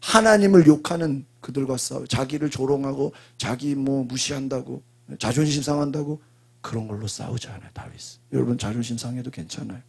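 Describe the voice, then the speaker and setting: A man preaching a sermon as pastor, prompting the congregation with quick questions and answering them himself. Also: mid-range voice, vocal fry, a little mellow, breathy edge. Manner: call-and-response preaching, frequent prompting asides.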